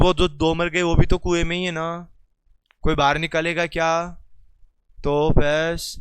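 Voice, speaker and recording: Bright, crisp Rajasthani-accented male teacher. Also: high-pitched, dry recording. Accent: Rajasthani Hindi. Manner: teasing, coaxing students by name; loud calls to class, then quieter explaining. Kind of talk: classroom lesson. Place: classroom.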